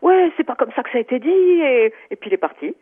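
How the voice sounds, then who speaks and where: A woman's voice: high voice, sing-song, fast talker, husky. Hesitant woman caller on a phone line. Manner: hesitant, many fillers and restarts. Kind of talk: phone-in personal account.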